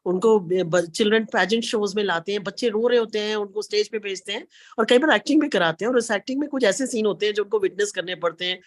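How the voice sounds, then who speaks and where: A woman's voice: mid-range voice, no room sound, studio quality. Woman with a sore throat asking questions. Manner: rambling, halting questions. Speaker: audience member asking a question. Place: hill area, poor connection.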